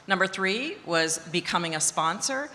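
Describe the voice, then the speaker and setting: A woman executive on a conference panel goes through her points one by one in a measured way. Her voice is low but bright and forceful, and it carries the long echo of a large conference hall. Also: lively intonation. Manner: measured, listing points in order. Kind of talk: panel discussion.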